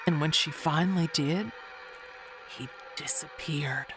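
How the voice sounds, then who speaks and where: A woman plays a gossipy, wistful older neighbor who never married, confiding with pointed pauses and hushed asides in an audio mystery monologue. Her voice is low, music plays in the background, and the mood is grave and hushed.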